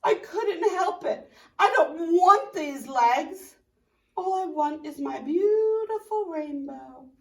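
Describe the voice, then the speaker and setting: A woman's voice: very high voice, animated, slow pace, fairly bright tone, voice pushed up, heavily acted. A woman voicing a lovesick young male tadpole who begs tearfully for forgiveness in a storybook reading. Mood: pleading, tearful. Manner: tearful, begging. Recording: roomy, from a distance.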